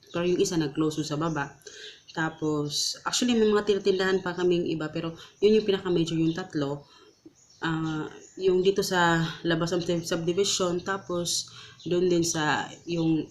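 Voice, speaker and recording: A woman's voice: on the low side, darkish tone, a little hiss or hum. A woman vlogger with a Visayan accent telling a personal story in a casual, earnest way, full of fillers and restarts. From Visayas, Philippines.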